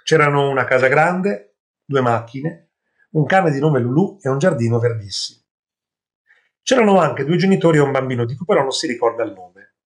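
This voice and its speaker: A man narrating a fairy tale in a measured voice, with wry, conversational asides to the listener. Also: medium pitch, animated. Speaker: storyteller.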